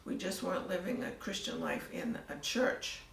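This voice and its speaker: An older woman telling her story in a casual interview, soft-spoken and trailing off into near-whispers. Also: fairly low pitch, expressive, normal speed, gravelly, a little hiss or hum. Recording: echoey room, mic at a distance, faint ambience.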